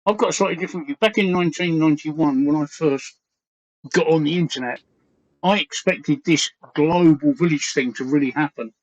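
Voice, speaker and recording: Fairly quick and a little high, this voice belongs to a Cockney livestream host in his sixties from East London. His casual chat is earnest and rambling, with phrases repeated as he thinks, heard through dull lo-fi stream audio.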